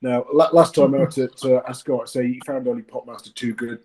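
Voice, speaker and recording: A man's voice: medium pitch, fairly even intonation, fairly quick, crowd noise, poor audio. A man giving his horse racing tips in a casual chat, often hesitating with fillers and restarts. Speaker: racing tipster.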